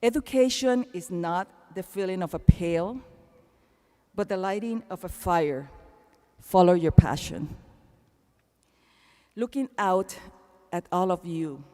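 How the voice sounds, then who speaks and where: A woman with a Panamanian accent gives a personal commencement speech, amplified in a large indoor arena with a long echo. Her voice is lowish and dark in tone, and she speaks slowly with frequent pauses.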